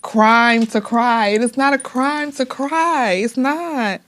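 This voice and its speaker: A woman's voice: fairly high pitch, slow pace, a bit bright. A woman hosting a podcast, talking casually in a supportive, affirming way. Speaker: podcast host. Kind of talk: casual conversation.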